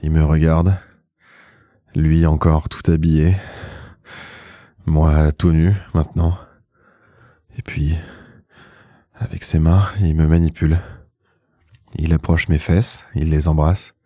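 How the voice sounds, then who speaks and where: A man narrating an intimate first-person story slowly and in a hushed, measured way, close to the mic. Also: very deep voice, little pitch movement, dry recording. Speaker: podcast host and narrator.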